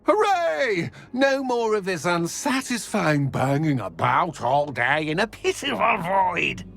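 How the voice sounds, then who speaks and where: An actor gives a full character voice to a mischievous, theatrical poltergeist in a video game, a spirit who loves causing chaos. The voice is medium-pitched, creaky, and fairly bright, very animated yet slow, with a pompous, drawling delivery that sounds gleeful and scheming.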